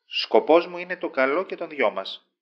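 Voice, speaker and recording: A man's voice: on the high side, very animated. Guy doing a slick scheming boss, sweet-talking, kinda dull muffled audio. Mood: smooth. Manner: silky and persuasive. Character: smooth, manipulative male boss. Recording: dull lo-fi sound.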